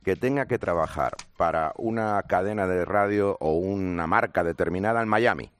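A man on a radio panel, telling anecdotes in an animated way. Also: sits low, normal speed, clear, resonant tone.

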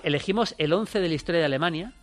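Fast-talking football pundit man. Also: a little high. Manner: fast, rattles off names and results. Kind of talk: radio sports chat.

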